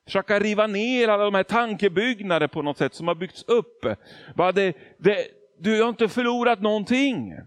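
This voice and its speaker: A man's voice: high-pitched, no echo. A man from Argentina preaching a testimony sermon, telling his story with emphasis and acting out quotes.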